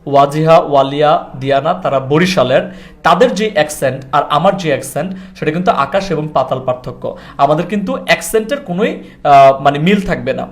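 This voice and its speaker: A man's voice: fairly high pitch, animated, fairly quick. Chatty man with Noakhali accent. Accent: Noakhali Bengali. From Noakhali, Bangladesh. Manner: chatty, teasing, mixes English into his Bengali. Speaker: English language trainer. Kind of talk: casual conversational interview.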